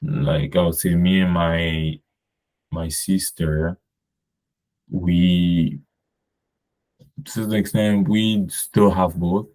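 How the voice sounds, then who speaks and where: A man's voice: deep voice, fairly even intonation, drawn-out words, long pauses, a little mellow. A man from Cameroon, a podcast guest, talking casually and rambling with many fillers and restarts. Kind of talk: casual conversation.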